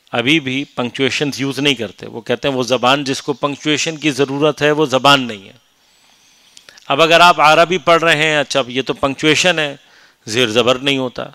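A man giving a measured, explanatory religious lecture on Quranic commentary, rising into emphatic stretches. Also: mid-range voice, pushed and bright, clean tone, dry recording.

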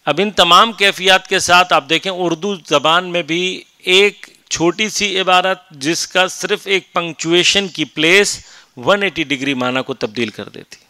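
Guy giving a quran commentary talk, calm explaining then pushing harder, crisp bright voice. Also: sits high, no echo. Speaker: religious lecturer.

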